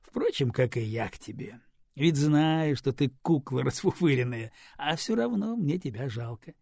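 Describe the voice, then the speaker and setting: A man's voice: medium pitch, animated, normal speed, creaky, warm tone, dry recording, clean studio sound. A man voicing a teasing, easygoing male engineer with a mocking manner.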